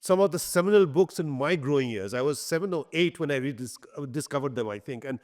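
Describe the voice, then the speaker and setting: An older man hosting a conversational interview in a halting, deliberate way. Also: on the high side, expressive, a little mellow. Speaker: podcast host, interviewer.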